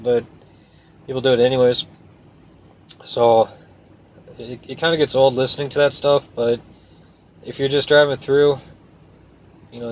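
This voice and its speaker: A trucker who hosts videos rambles casually to his viewers in a plainspoken, folksy, hesitant way. His voice is medium-pitched, and the low-quality recording has clear, steady background noise.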